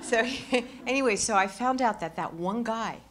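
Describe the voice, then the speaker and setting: A middle-aged woman talking onstage at a live event, exuberant and profane, swinging from quiet remarks to loud exclamations and laughing often. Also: on the high side, moderate pace, slight background noise. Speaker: award honoree speaking onstage. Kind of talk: lively onstage conversation with profanity.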